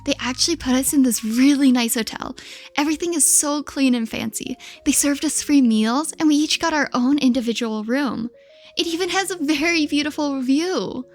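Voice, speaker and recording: A woman acting as an affectionate, lonely girlfriend in a soft, intimate ASMR role-play of a late-night call. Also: high-pitched, normal speed, lightly acted. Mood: wistful, affectionate. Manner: soft, tender, intimate, giggly.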